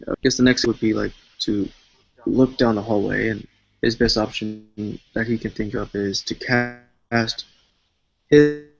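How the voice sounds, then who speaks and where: A man's voice: on the low side, fairly even intonation, unhurried, gravelly, lo-fi sound, faint music behind. A man playing a tabletop game over an online call, hesitant and full of fillers, his audio choppy and breaking up. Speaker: player. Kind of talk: describing his character's actions in a tabletop game.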